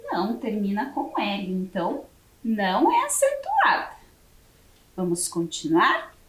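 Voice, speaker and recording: A Brazilian woman teacher with a Brazilian Portuguese accent, leading a word game for young children on a TV lesson and slowly spelling each word letter by letter. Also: medium pitch, sing-song, echoey room, distant mic. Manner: slow, spelling words letter by letter. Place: classroom studio for educational TV.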